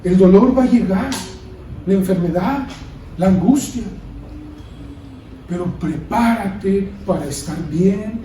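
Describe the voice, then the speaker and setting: High-voiced preacher in an echoey hall. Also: male voice, takes it slowly, long pauses, dark tone, far from the mic, a little hiss or hum. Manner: preaching with rising emphasis and rhetorical questions. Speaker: pastor. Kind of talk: sermon.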